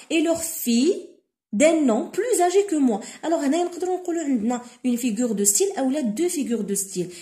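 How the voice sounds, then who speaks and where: A woman with a Moroccan accent tutors students through a novel, reading each line slowly and then explaining it with many fillers. Her voice sits a little high and has a mellow tone. The sound rings with room echo. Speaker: French literature tutor. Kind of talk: code-switching lesson explaining a novel.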